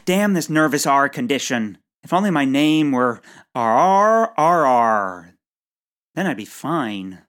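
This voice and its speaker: A man's voice: medium pitch, big pitch swings, slow, fairly bright tone. A man playing a nervous, clumsy bird-watcher in a comedic audio drama, flustered and stammering.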